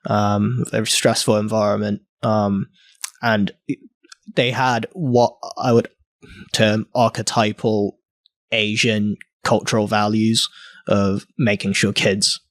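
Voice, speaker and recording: Low-voiced hesitant young man from Hong Kong. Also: little pitch movement, slow, a bit bright, no room sound, clean studio sound. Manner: hesitant, many fillers and restarts. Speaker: guest artist. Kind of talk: casual interview.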